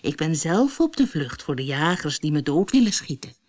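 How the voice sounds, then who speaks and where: A woman voicing a sly, persuasive male fox in a storybook reading, speaking low and calm. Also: normal speed. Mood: coaxing.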